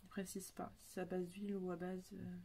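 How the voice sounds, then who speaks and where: A woman's voice: lowish voice, completely flat delivery, fast, background noise. A young woman, chatting casually about her coloring supplies, rambling with many fillers and restarts. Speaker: coloring hobby vlogger. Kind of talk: casual chat showing supplies.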